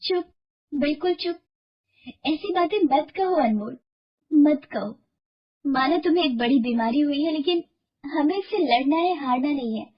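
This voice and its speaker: A loving young wife, voiced by a woman, speaks with earnest, pleading conviction. Her voice is slightly high. The dull, lo-fi sound fits a storybook cartoon. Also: husky. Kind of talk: animated storybook voice acting.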